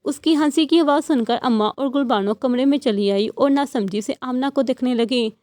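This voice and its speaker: A woman narrating a novel in a steady, expressive storytelling manner. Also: high-pitched, dry recording, clean studio sound. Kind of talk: audiobook novel reading.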